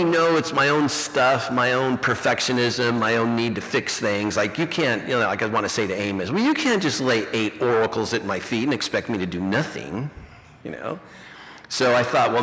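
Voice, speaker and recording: Lively intonation marks this middle-aged man's mid-range voice, which is bright and forceful at normal speed. He's a pastor and teacher preaching a reflective, conversational sermon stuffed with "you know," captured in a distorted, reverberant hall recording that sounds fuzzy.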